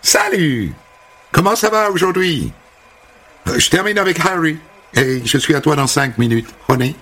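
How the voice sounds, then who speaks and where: A woman's voice: deep voice, big pitch swings, moderate pace, fairly bright tone, husky, voice pushed up, heavily acted. A man voicing a bubbly, chatty young American hairdresser woman who gushes and stammers slightly. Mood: gushing. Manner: gushing, effusive, stammers slightly.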